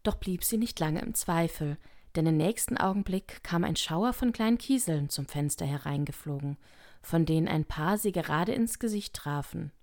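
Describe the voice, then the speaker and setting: A woman narrating a children's story in a calm, even reading voice. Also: deep voice, moderate pace. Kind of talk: audiobook reading.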